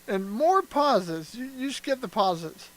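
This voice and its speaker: A woman's voice: fairly high pitch, lively intonation, unhurried. A woman directing voice actors, giving short, dry notes on their takes. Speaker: session director.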